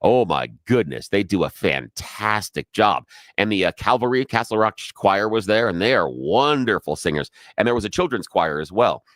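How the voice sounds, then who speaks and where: On a radio talk show, a middle-aged co-host chats casually and tells stories, performing the voices of people he quotes in a big, carrying voice. It's lowish and moderately paced, recorded at studio quality without echo.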